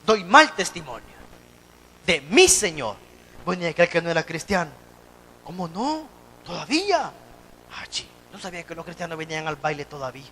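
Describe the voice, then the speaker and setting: A pastor preaching to his congregation with a high, bright voice. He swings between loud declarations and hushed asides, acting out little scenes. His pitch leaps all over as he calls out to the brethren. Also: sing-song, normal speed, pauses often, a little hiss or hum, rough recording. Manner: addresses congregation as "hermano". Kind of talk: evangelical sermon.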